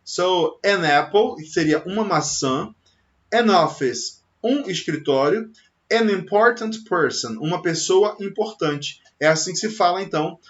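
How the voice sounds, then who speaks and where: A man's voice: sits high, lively intonation, measured pace. A Brazilian man teaching a beginner English lesson, talking conversationally and often checking in with "ok?". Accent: Brazilian Portuguese. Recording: slightly dull lo-fi sound.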